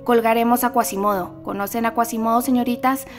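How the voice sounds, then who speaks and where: A woman voicing a rowdy, boastful young male student rogue in armor for an audiobook, shouting with drunken bravado. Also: a little high, steady tone, a little fast, soft background music, natural voice. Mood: boisterous.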